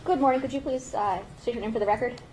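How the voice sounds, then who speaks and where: A woman's voice: a little high, mellow, slight background noise. Woman attorney in a courtroom recording. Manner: measured, formal questions with frequent "okay". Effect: played from a courtroom recording. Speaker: attorney questioning a witness. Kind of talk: courtroom questioning.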